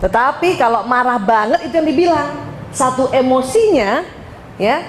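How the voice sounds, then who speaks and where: A woman giving a lively, teasing lecture to a group of women, often calling out to her listeners. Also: high-pitched, normal speed, faint music behind. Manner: animated, teasing, addresses audience as "Bu". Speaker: speaker giving a parenting talk. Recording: echoey hall with faint background ambience.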